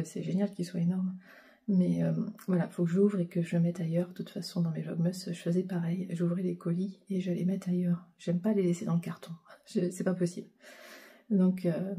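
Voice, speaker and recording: A middle-aged woman chatting in a casual knitting vlog, gushing and excitable, repeating words and laughing often. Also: on the low side, breathy edge, dry recording. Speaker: knitting vlogger.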